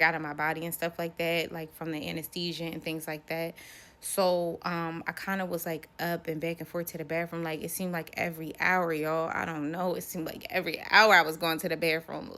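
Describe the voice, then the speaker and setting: Low-voiced American woman vlogging casually. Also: fairly bright tone. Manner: conversational, rambling, addressing viewers directly. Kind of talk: casual personal vlog storytelling.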